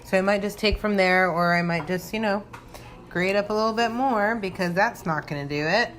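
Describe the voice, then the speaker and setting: A woman's voice: medium pitch, normal speed, fairly bright tone. Tipsy, giggly woman rambling over kitchen noise. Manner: giggly, tipsy, loose chattiness; informal, rambling, thinking aloud. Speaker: home cooking vlogger. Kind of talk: casual cooking demo to camera. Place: home kitchen. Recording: noisy home recording with kitchen ambience.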